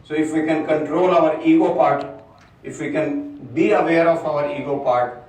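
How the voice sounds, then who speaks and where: A man's voice: on the high side, steady tone, moderate pace, darkish tone. A man leading an interactive workshop, questioning the room and explaining points. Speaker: workshop facilitator. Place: large echoey room with a group. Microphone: far from the mic. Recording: very echoey room, distant mic.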